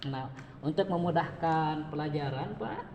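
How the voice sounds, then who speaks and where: A man's voice: a little high, unhurried, darkish tone, slight background noise. A man giving a one-on-one Quran reading lesson, patient and repetitive, often checking in with his student. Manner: patient, repeats each point and keeps addressing the student. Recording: reverberant room.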